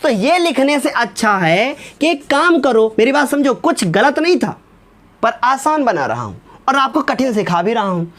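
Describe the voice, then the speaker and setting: A man's voice: very high voice, very animated, normal speed, a bit bright. A male physics teacher works through numericals step by step. He keeps checking that his students follow and calls them by fond, fatherly names. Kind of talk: whiteboard lesson solving numericals.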